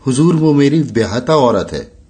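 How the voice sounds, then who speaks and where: A man's voice: mid-range voice, animated, moderate pace, a little mellow, voice pushed up, natural voice. A man voicing a desperate male laborer who pleads humbly with his master. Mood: pleading.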